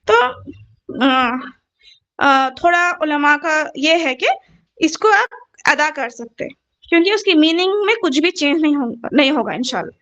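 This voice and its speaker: A woman's voice: high-pitched, animated, long pauses, a bit bright, dull audio. A woman tajweed teacher explaining recitation rules patiently, repeating each rule and asking her students questions. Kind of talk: online Quran recitation lesson.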